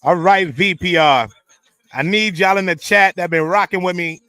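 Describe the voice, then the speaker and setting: A radio host conducts an interview, speaking straight to his online chat and steering the conversation in an upbeat way. His voice is high, pushed, and bright, at a moderate pace with no room sound.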